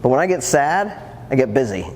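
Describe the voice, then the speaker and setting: A man's voice: mid-range voice, sing-song, a little fast, a little mellow, a little hiss or hum. A man in his fifties, a transformational coach, telling his personal story to an audience with earnest reflection and wry humor. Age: 50s. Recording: long hall reverb, faint ambience.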